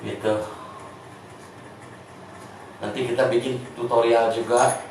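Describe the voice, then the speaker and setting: A man with a Sundanese accent teaching an informal class, chatty and halting, often repeating words. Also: medium pitch, little pitch movement, a little mellow. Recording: echoey room, distant mic, faint noise.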